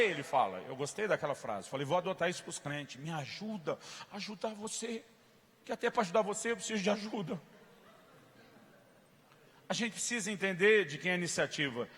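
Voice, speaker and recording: A man from Brazil preaching a sermon as pastor, telling stories and acting out dialogue, rising to loud emphatic peaks. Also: fairly high pitch. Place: church hall. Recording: reverberant church hall.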